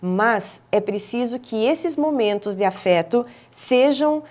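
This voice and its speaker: A woman with a Brazilian Portuguese accent, a speech therapist answering interview questions in a didactic way, often pausing on hesitant fillers and restarting phrases. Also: on the high side, animated, darkish tone. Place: television studio.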